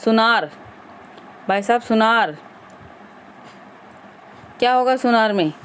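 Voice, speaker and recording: A woman's voice: a little high, lively intonation, slow pace, a bit bright. Quizzing woman teacher, faint noise. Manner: quizzing, repeats answers, addresses viewers directly. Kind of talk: exam-prep grammar lesson.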